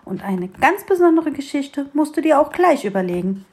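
A woman voicing a small, curious young fir tree in a storybook reading, eager and bright-voiced. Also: high-pitched, big pitch swings, moderate pace, pitched above the performer's own voice.

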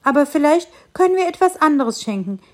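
A woman's voice: sits high, sing-song, fairly quick, pitched above the performer's own voice. A woman voicing a meek little blue tit. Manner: meek, soft. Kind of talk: children's story reading.

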